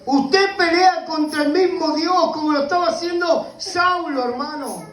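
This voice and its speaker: A man's voice: very high-pitched, a little slow, a bit bright, echoey room, slight background noise, rough recording. A man with a Rioplatense Spanish accent preaching a sermon with passion, often calling out to his listeners as brother. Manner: impassioned preaching, repeatedly addressing the listener as brother. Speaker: pastor. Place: church.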